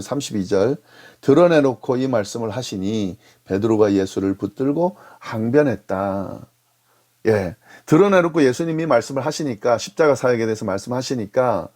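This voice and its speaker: A man's voice: medium pitch, a little mellow. A pastor explaining scripture verse by verse at an early morning prayer service, raising his emphasis on key points.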